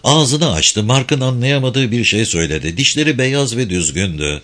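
A man narrating a war novel as an audiobook, with tense, expressive storytelling. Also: medium pitch, moderate pace.

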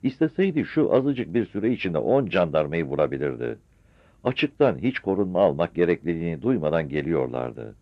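A deep-voiced man narrates a dramatic story with a lively, rising and falling delivery. The recording is dull and dry, like an old radio broadcast. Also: fairly quick, no room sound. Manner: expressive, storytelling.

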